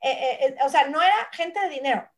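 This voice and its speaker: A woman in her forties from Mexico with a high voice, chatting as a guest. She tells stories in an animated way and slips into the voices of her mother and grandparents. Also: quick pace. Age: 40s. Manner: animated storyteller who acts out family voices. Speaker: guest, nutritionist and brand founder. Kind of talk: casual conversation.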